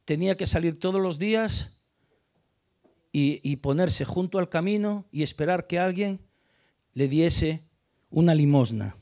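A man delivering a sermon, his voice gravelly with fry and pitched a little high. He talks emphatically, rising to loud stressed words and sinking quiet again. He often stumbles and repeats words as he restarts a phrase. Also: lively intonation, unhurried, pauses often. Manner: emphatic, builds to loud stressed peaks then drops quiet. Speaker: preacher. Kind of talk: sermon on a Bible passage.

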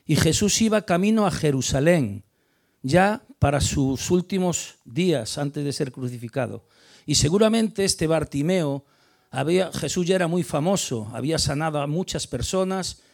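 Gravelly preacher. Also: male voice, on the high side, expressive, moderate pace. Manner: emphatic, builds to loud stressed peaks then drops quiet; repeats words and restarts mid-phrase. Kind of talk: sermon on a Bible passage.

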